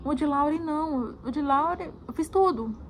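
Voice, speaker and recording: A woman's voice: sits high, normal speed, slight background noise, rough recording. Emotional Brazilian mother telling her story. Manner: repetitive, emotional, addresses viewers as "gente". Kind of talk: emotional personal testimony.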